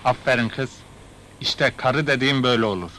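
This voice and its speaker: An actor playing a blunt grumbling migrant worker. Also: male voice, mid-range voice, brisk, sharp tone, a little hiss or hum, close to an everyday voice. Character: plain-spoken Turkish migrant worker, man. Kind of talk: 1980s film comedy acting.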